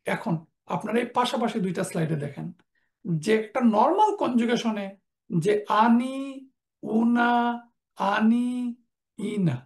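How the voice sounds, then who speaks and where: A woman teaching Quranic Arabic grammar in a slide lecture, working through verb conjugations in steady, orderly lists. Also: fairly high pitch, takes it slowly, pauses often. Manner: methodical, drills verb forms in lists. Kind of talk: online lecture over slides.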